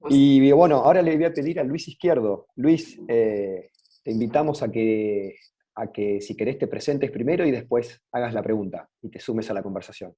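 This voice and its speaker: A man with a Rioplatense Spanish accent moderates an online business webinar over a video call, inviting guests to speak. His medium-pitched voice is warm, at normal speed.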